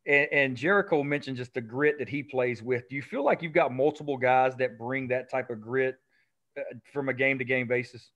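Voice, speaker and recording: Man, reporter, polite and measured, slightly muffled audio. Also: medium pitch, fairly bright tone. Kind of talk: press conference question.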